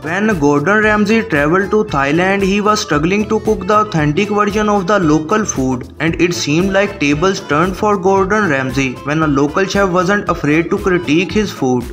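A man's voice: sits high, moderate pace, hardly any pauses, a bit bright. A man giving scripted narration as the commentator of a video compilation. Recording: voice-over with music bed. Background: background music.

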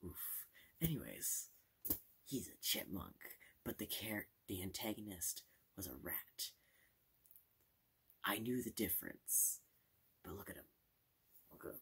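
A young man hosting fast, chaotic ASMR, rambling playfully and casually as he slips between whispering and soft talking. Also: fairly low pitch, animated. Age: young adult. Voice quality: breathy, often whispered. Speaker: ASMR video host. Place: small home room, indoors.

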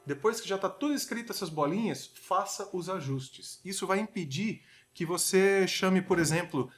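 Brazilian male piano teacher, young, slightly high voice, piano playing underneath. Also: normal speed. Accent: Brazilian Portuguese. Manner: relaxed, chatty, with frequent "tá?" tags. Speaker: music teacher. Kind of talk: casual online lesson. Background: piano notes played under the speech.

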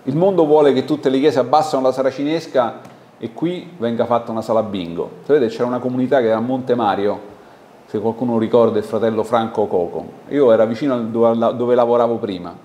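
A man with an Italian accent preaching a sermon in a lively, conversational way, asking the congregation questions. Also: mid-range voice, a little fast. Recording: echoey church hall with faint background noise.

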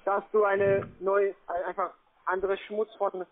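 Over a thin, tinny phone line, a man with a high voice and a level tone speaks unhurriedly in broken, non-native phrasing. He has a foreign accent, not German, and works as a call-centre scam caller who mocks and provokes during an argument.

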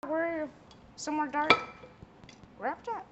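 A man's voice: slow, lo-fi sound, very noisy. A young man voicing Mickey Mouse as a crude, bumbling cook in a comedy skit with a plush toy. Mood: goofy. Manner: high squeaky put-on voice, swearing, drawling.

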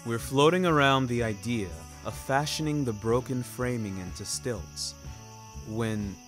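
Over background music, a fiction podcast narrator tells a scripted first-person tale in a wry, theatrical, ornate style. His voice is mid-range with a fairly bright tone, and he keeps a measured pace.

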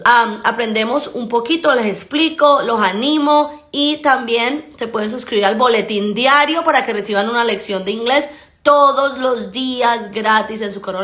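A woman's voice: fairly high pitch, sharp tone. Upbeat woman teaching English. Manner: upbeat, coaxing, checks in with frequent "ok?"; drawn-out slow demonstrations of English sounds. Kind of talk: live online mini-lesson.

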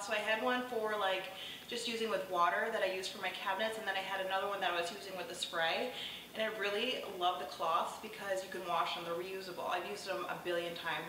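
A woman in her thirties talks in a loose, rambling way, filling her sentences with "like" and "um". Her voice is bright and forward. She sounds a little far from the microphone, in a very echoey home kitchen with a faint hiss behind her. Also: mid-range voice. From New York state. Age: 30s. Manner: chatty, rambling, lots of "like" and "um". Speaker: lifestyle vlogger. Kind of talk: casual clean-with-me voice-over. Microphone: far camera.

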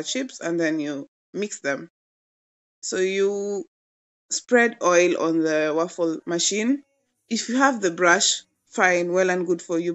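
Gushing playfully about her dishes, a young woman in her twenties talks casually through a home cooking demo as a cooking vlogger. She speaks in a mid-range voice on a muffled recording.

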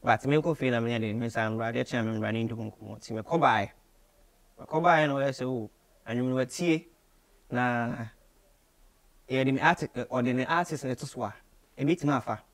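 A Ghanaian man in his twenties from Kumasi, a musician, tells a story conversationally as an interview guest in a small indoor radio studio, often repeating phrases. He has a Ghanaian accent and a mid-range voice at normal speed, pausing often.

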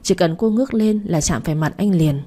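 A woman reads a romance story in a calm, even storytelling voice. Her voice is low-pitched and warm, with a mellow, rounded tone. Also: brisk. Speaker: story narrator. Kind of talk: scripted narration of a romance story.

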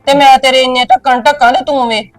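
An actress playing a proud, offended middle-aged village aunt who talks in a reproachful, insistent way. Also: female voice, high-pitched, fairly even intonation, brisk, faint music behind, close to an everyday voice. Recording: distant from mic.

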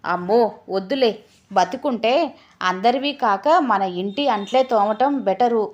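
In an audio story, a woman voices a sweet-talking young wife who coaxes and teases innocently. Her medium-pitched delivery is unhurried and close to an everyday voice, though the audio sounds dull.

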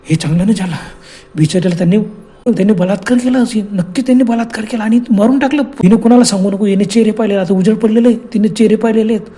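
A man's voice: high-pitched, quick pace, warm tone, natural voice. A man voicing a terrified young woman jogger, exclaiming in a panicky, breathless way. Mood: distraught.

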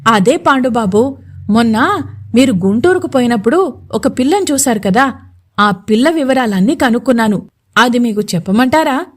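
A woman voicing a scheming lowly male servant who fawns and pleads with his master in an audio story. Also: expressive, normal speed. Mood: wheedling. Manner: fawning, pleading, gossipy.

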